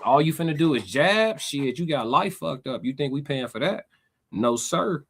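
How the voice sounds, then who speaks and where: Man, American accent, high voice, live fight commentator, emphatic, repetitive phrasing, sweary, casual streamer talk. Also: animated, moderate pace, gravelly, a little hiss or hum. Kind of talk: excited blow-by-blow fight commentary and casual chat.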